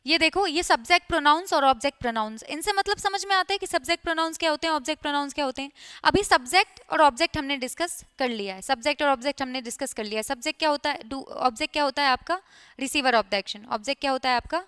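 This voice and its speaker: A high, bright-voiced woman teaches an exam-prep class. She repeats key points often and keeps checking in with her students. Her delivery is crisp and lively. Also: fast talker. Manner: repetitive, checks in with listeners.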